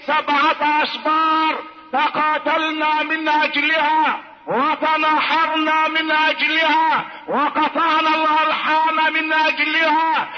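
A man preaching an impassioned sermon, building a chant of shouted rhetorical questions. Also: very high voice. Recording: dull lo-fi recording in a reverberant hall.

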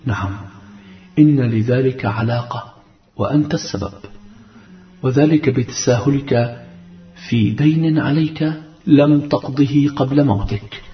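Deep slow grave angel, sad and stern done by a guy, roomy dull audio. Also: close to an everyday voice. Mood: sorrowful grave. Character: solemn grave angel, male, sorrowful and stern.

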